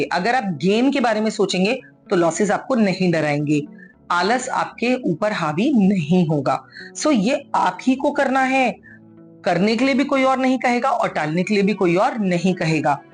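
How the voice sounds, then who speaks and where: Earnest woman giving a pep talk. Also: medium pitch. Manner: earnest and coaxing, mixes English into Hindi. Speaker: motivational speaker. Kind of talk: motivational talk.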